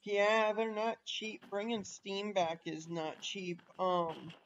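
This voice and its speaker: A man chats casually while streaming a train game, musing aloud and asking his viewers questions between pauses. He talks slowly and takes his time. The stream audio is dull and lo-fi, with a faint hiss of noise underneath. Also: sits high, little pitch movement, fairly bright tone. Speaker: livestreamer playing a train simulator. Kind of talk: casual live gameplay chat.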